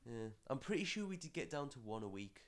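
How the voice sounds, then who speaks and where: A man's voice: medium pitch, big pitch swings, fast. A young man hosting a podcast in casual chat, rambling, correcting himself and swearing offhandedly. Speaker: podcast host.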